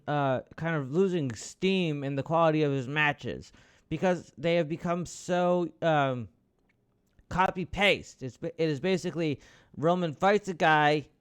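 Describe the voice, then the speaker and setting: A man hosting a podcast, talking casually about wrestling in a rambling way with restarts, bursting into loud, excited outbursts and the odd swear. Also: a little high, smooth. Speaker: podcast host.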